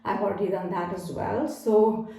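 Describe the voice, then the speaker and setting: Her voice is medium-pitched and dark, with vocal fry, fairly even intonation and normal speed as she teaches yoga. Slightly breathless, she gives patient step-by-step cues with fillers, and the recording sounds very echoey and far away.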